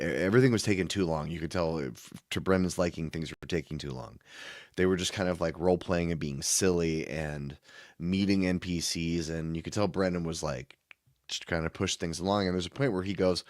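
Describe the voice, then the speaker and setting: Low-voiced rambling man. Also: no room sound, studio quality. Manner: rambling, many fillers and restarts. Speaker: podcast co-host. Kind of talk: casual chat.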